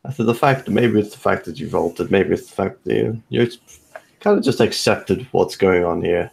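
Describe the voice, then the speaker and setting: A man serving as game master, narrating a tabletop game in a laid-back, rambling way. His voice is low, gravelly and husky. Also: normal speed, a little mellow.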